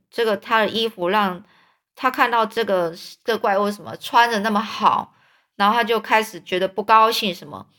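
A woman's voice: mid-range voice, a bit bright. A woman retelling a children's story in a loose, casual way, with fillers and repeats.

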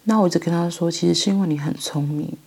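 A middle-aged woman with a Taiwanese Mandarin accent, a mother reflecting on parenting in a thoughtful, halting monologue. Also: on the low side, gravelly, a little mellow, slightly rough. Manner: halting, thoughtful, pauses mid-phrase.

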